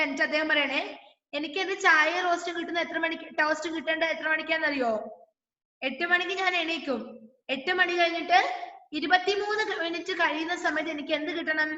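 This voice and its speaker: A woman teaching an English class online, reading lines out slowly and explaining them in quick, questioning asides. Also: high voice, pushed and bright. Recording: dull, echoey room with long reverb.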